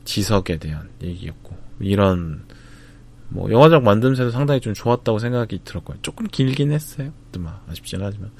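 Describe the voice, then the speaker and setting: A man, talking to camera about a film festival trip in a reflective, casual way, with frequent pauses, fillers and restarts. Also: lowish voice, expressive. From Busan, South Korea. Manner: thoughtful, hesitant, many fillers and restarts.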